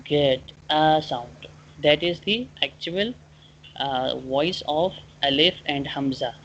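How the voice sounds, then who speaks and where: A Quran teacher giving a one-on-one online lesson, explaining and drilling pronunciation haltingly, repeating points and often checking understanding. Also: medium pitch, a bit bright. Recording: dull lo-fi online call, clear background noise.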